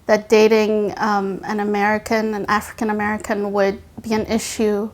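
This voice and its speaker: A woman's voice: mid-range voice, completely flat delivery, normal speed, slight background noise. A woman from Afghanistan giving an earnest, reflective documentary interview about her own life. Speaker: interview subject.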